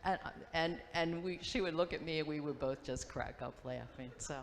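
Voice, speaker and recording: A woman in her fifties giving a memorial tribute, telling stories in a halting, reminiscing way and acting out quoted voices. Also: deep voice. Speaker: memorial speaker, old friend. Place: school auditorium. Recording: long hall reverb, faint ambience.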